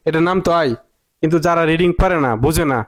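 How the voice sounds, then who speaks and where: A man's voice: a little high, steady tone, racing. A man teaching an online English reading lesson, repeating rules, quizzing the viewer and scolding critics.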